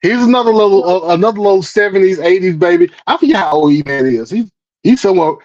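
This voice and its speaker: Man in his forties, easygoing chuckling guest, high voice, dry dull lo-fi audio. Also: animated, quick pace, darkish tone, dry recording. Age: 40s. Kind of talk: casual chat.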